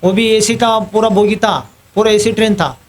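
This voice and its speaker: High-voiced man telling a temple story. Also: normal speed. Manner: animated storyteller acting out other people's quotes and laughing at his own story. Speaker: preacher giving a scripture class. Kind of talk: storytelling sermon. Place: temple hall.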